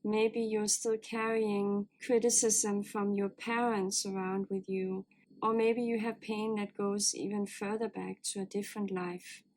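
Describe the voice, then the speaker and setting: A woman reads spiritual oracle cards for her viewers at a measured pace, calm and sincere, with gentle encouragement. A slight hoarseness roughens her low voice, suggesting a cold, and the recording is low quality.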